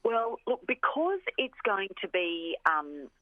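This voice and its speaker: Taking it slowly, a very animated woman with a medium-pitched voice speaks as a radio interview guest on behalf of an orchestra. She is enthusiastic and emphatic, repeating phrases frequently. Her call comes through a tinny, band-limited telephone line with no echo.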